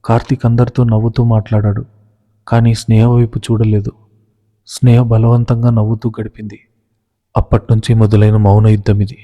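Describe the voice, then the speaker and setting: Brief: male narrator, scripted story, low and monotone, reverberant lo-fi sound. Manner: even, measured storytelling. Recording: reverberant, dull lo-fi recording.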